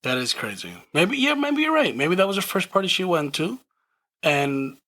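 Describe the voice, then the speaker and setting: A man's voice: high-pitched, sing-song, moderate pace, pushed and bright. A man co-hosting a podcast in casual, slangy chat, agreeable and laughing often. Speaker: podcast co-host.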